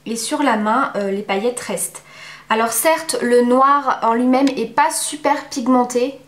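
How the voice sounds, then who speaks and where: A woman giving a casual, chatty makeup review at home, pausing often on fillers. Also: a little high, echoey room. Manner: chatty, many filler pauses. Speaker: beauty vlogger.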